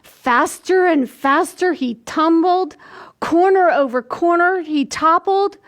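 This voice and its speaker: Her voice is very high-pitched and a bit bright as this sixty-something woman hosts storytime at a library. She reads aloud to small children in a small indoor room, explaining things plainly and deliberately.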